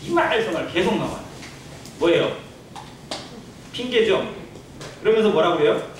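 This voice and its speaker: A pastor giving a Sunday sermon in a church, preaching conversationally and putting rhetorical questions to the congregation. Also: male voice, high voice, expressive, moderate pace, a little hiss or hum. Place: church sanctuary. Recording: very echoey church hall, from a distance.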